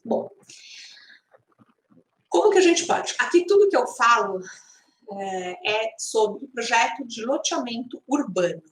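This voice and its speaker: Higher-voiced Brazilian woman in an echoey room. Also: animated, measured pace, long pauses. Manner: conversational, often adding tag questions. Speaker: live stream host and instructor. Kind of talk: informal explanatory live stream talk.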